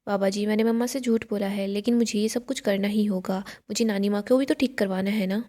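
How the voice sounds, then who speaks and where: A woman's voice: mid-range voice, fairly even intonation, a little fast, dark tone, lightly acted. A woman voicing a young daughter, an earnest and determined girl, in a pleading, earnest way.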